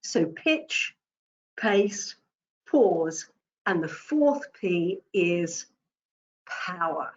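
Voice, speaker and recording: A woman teaching presentation skills as a communication coach, deliberate and emphatic, stressing words differently to make her points. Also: fairly low pitch, animated, a little mellow, dull audio, slight background noise.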